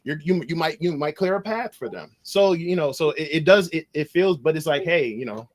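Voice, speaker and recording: A man who's a cybersecurity consultant tells a lively story as a podcast guest, speaking briskly in a slightly high voice. He's animated and acts out the dialogue, with loose phrasing and frequent restarts in this conversational storytelling.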